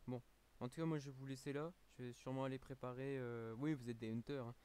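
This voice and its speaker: A man's voice: mid-range voice, fairly even intonation, fast talker, a little mellow, clear, resonant tone. A man with a French accent, a streamer chatting casually on a live stream, rambling with many fillers, a little tired.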